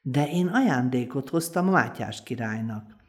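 A woman's voice: a bass voice, lively intonation, pitched below the performer's own voice. A humble poor peasant man from an old folk tale, plain-spoken and earnest, as a woman storyteller puts him on. He talks simply and sincerely, like a modest villager.

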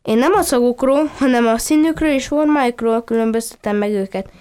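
A woman's voice: a little high, darkish tone, clear, resonant tone, lightly acted. Woman doing a cheeky, chatty little duckling. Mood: eager. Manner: eager, chatty and teasing.

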